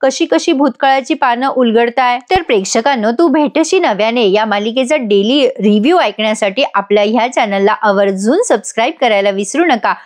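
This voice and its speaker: A woman with a slightly high voice records a close-miked voice-over recap of a TV serial. She retells the scenes in her own words, quotes the characters' lines in between and turns to her viewers now and then. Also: normal speed, hardly any pauses. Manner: addresses viewers directly. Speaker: TV episode reviewer.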